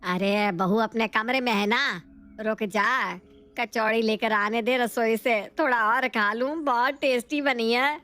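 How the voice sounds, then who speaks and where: A woman's voice: on the high side, steady tone, unhurried, a bit bright. A woman voicing a sly, scolding mother-in-law. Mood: scheming. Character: bossy scheming middle-aged mother-in-law. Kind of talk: cartoon story voice acting.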